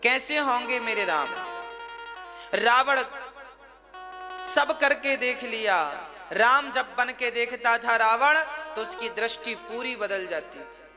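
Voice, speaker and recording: Male preacher, very high voice, slow delivery, dramatic storytelling, instrumental music behind. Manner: dramatic, emotive, breaks into sung verse. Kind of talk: devotional storytelling sermon with chanted verse.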